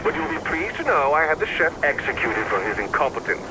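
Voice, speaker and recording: An actor playing a middle-aged, flamboyant dictator in a video game, urbane, charming and mocking, with an edge of menace. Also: male voice, a little high, very animated, a little fast, noisy background. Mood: breezy, sinister. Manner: urbane, mocking, drawling emphasis, swearing. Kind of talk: theatrical video game villain acting.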